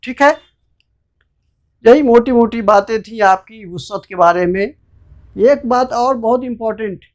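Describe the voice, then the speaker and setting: A man's voice: very high-pitched, unhurried, long pauses. A man teaching an online grammar class over a video call. He talks patiently and repeats each letter and word for his students.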